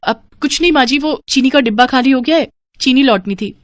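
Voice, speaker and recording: A woman voicing a put-upon young daughter-in-law in an animated story, who grumbles about her thrifty mother-in-law. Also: high-pitched, brisk, no echo, studio quality, voice pushed up, lightly acted. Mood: meek. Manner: grumbling, complaining under her breath.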